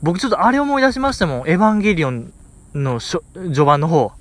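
Fast-talking and on the high side, this man hosts a podcast in a Kansai Japanese accent, captured in a dry recording. His casual storytelling monologue is animated, laced with comic exasperation and lots of filler words.

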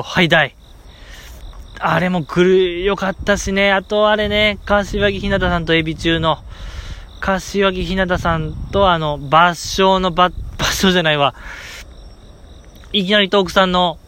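Brief: high-pitched male podcast host with a Kansai accent, chatty, excitable fan rambling. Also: slight background noise. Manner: rambling, enthusiastic fan chatter with frequent fillers. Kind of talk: casual solo podcast talk.

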